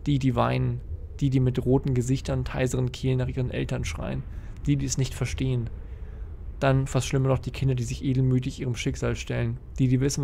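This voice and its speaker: Guy reading as a guilty grieving dad, slow solemn diary voice, bit of rasp. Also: medium pitch, dark tone, a little hiss or hum, close to an everyday voice. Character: guilt-ridden grieving father writing a diary. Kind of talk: reading a game diary aloud.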